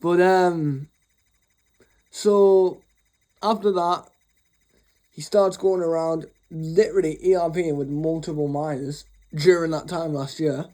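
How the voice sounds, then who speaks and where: A man's voice: fairly high pitch, steady tone, slow, pauses often, mellow. A young man telling a rambling, sweary storytime rant, sleepy after just waking up. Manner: rambling, swears freely, mocking. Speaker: channel host.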